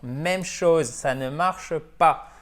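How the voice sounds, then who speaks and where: This man's voice sits on the high side, and he draws his words out. He's giving a video English lesson, moving between French and English while drilling pronunciation through repetition and frequent "ok?" check-ins.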